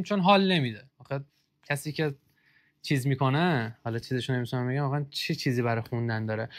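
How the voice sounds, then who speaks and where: A young man hosting a casual football kit review, joking and sarcastic as he reads out comments. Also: sits high.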